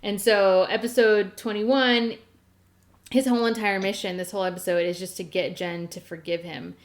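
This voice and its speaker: A woman's voice: medium pitch, fairly even intonation, normal speed. A woman hosting a podcast, chatting casually as she recaps episodes, with lots of "like" and "or whatever". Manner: chatty and conversational, full of 'like' and 'or whatever'. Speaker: podcast host. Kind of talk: casual chat recapping a teen drama.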